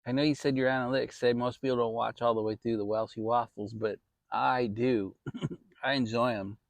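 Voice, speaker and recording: A man's voice: medium pitch, steady tone, moderate pace, gravelly, dry recording. An American man giving a casual, rambling, mildly salty chat to his viewers from his backyard outdoors. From Maryland, United States. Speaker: vlog host.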